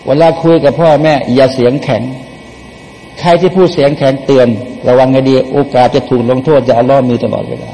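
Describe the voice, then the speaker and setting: A male Quran teacher gives sermon-style commentary, asking his listeners questions, answering them himself, and chanting Arabic verses between plain explanations. His mid-range voice is a little fast and dark in tone, with long hall reverb and faint background noise.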